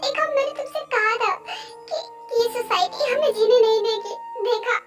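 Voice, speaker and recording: A hurt young woman speaks plaintively through tears, voiced by a woman. Her voice is very high. Clear music plays under the fan-dub drama. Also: moderate pace. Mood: distraught. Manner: plaintive, upset.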